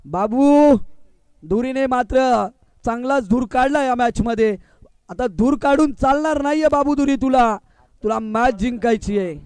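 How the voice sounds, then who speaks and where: High-pitched teasing cricket commentator. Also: male voice, normal speed, clear, resonant tone, no echo. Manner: teasing, playful banter with players. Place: outdoor local cricket ground.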